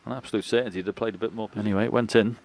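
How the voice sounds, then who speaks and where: A man's voice: lowish voice, steady tone, very fast, gravelly. A man giving casual, conversational snooker commentary, reacting to the shots. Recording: loud crowd noise in arena.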